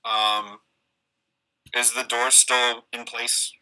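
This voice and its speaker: A man's voice: mid-range voice, level tone, drawn-out words, sharp tone, poor audio. A man playing a tabletop game online, answering in short, laid-back replies and asking questions. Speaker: player. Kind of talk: casual tabletop play.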